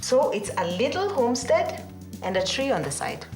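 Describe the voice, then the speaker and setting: Female children's art presenter, lively pitch, instructive, echoey room with music behind. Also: normal speed. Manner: simple, instructive, addressing children. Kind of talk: craft demonstration for children.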